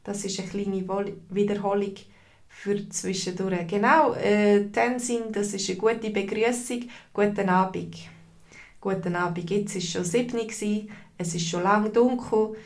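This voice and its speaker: A woman's voice: mid-range voice, steady tone, unhurried, darkish tone. A woman with a Swiss German accent teaching a live online lesson, patiently repeating phrases and greeting viewers in the chat. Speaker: language teacher.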